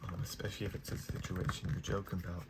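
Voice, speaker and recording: A young man giving a whispered ASMR pep talk in a soft, reassuring manner. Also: sits low, flat delivery, quick pace. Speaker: ASMR creator giving positive affirmations. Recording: noisy, clear background hiss.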